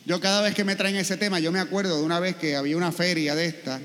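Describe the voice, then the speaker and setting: A priest giving a sermon, telling stories and asking rhetorical questions. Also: male voice, high voice, fairly even intonation, quick pace, a bit bright. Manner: storytelling with acted quotes and rhetorical questions. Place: church. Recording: church with long reverb.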